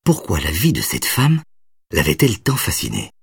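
A man reads a novel aloud with expressive, storytelling delivery, his deep voice rising and falling widely. The sound is dry and close, with a husky grain. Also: normal speed, dry recording. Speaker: narrator. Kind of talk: audiobook narration.

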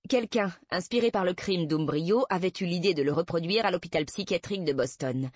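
A woman reading an audiobook as narrator, in an even, measured way, close to the microphone. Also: lowish voice, no echo. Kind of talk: scripted narration.

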